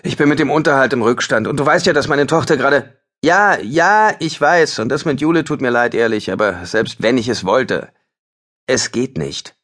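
A man's voice: medium pitch, fairly bright tone, voice pushed up, close to an everyday voice. Man voicing a desperate pleading musician. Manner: pleading, rushed. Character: desperate out-of-work male musician, 39.

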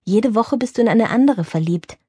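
A woman voicing a calm woman friend who speaks softly and in a measured, gently reproving way with a husky voice. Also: a little high, no echo, studio quality. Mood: gently chiding.

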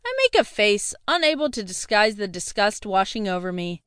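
A woman reads a first-person novel aloud, sassy and expressive, her pitch bouncing all over. Her voice is smooth and clear, set a little high. The recording is dry and close, with no room in it. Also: moderate pace, dry recording. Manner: sassy, sharp-tongued, expressive. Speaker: audiobook narrator.

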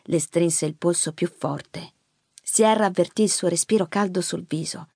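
A woman narrating an audiobook in an expressive, measured storytelling manner. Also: lowish voice, gravelly, slightly rough, no echo. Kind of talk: scripted narration. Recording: dry close studio mic.

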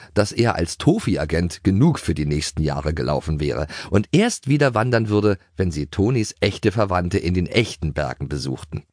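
A man narrating a children's audiobook in a playful, expressive way. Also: sits low, no room sound, studio quality.

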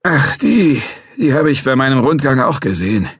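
A man voicing a doddering old male security guard who is suspicious and testy, with a shrill, querulous, shouting manner. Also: big pitch swings, normal speed, husky, dry recording, clean studio sound. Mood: grumbling.

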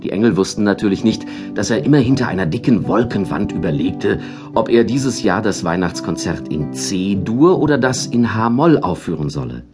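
A man narrating a children's story with a lively, expressive delivery. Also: on the low side, moderate pace, music in the background. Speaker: audiobook narrator.

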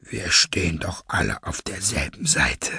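A man puts on a masked villain who rules his gang with quiet menace. The voice sits low and hushed, slipping toward a whisper, slow and deliberate, with a husky edge. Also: animated, no room sound, clean studio sound, exaggerated voice. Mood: coldly menacing. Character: cold masked male villain leader. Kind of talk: audiobook character voice.

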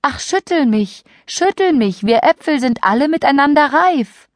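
An enchanted talking food from a storybook, played by a woman, pleads urgently in fairy tale narration. The voice is pitched high and swoops with imploring expression. It is recorded dry. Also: animated, moderate pace, no echo. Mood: urgent pleading.

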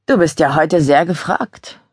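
A woman's voice: low voice, a little slow, breathy edge, no room sound, studio quality. A woman voicing a camp, theatrical young male gallery colleague who teases and mocks with a laugh in his voice. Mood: teasing.

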